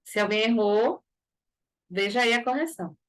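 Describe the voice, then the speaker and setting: Brazilian woman, bright higher register, grammar teacher walking students through exam questions, keeps asking whether they follow. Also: normal speed. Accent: Brazilian Portuguese. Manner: explains step by step with frequent tag questions. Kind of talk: exam-prep grammar lesson.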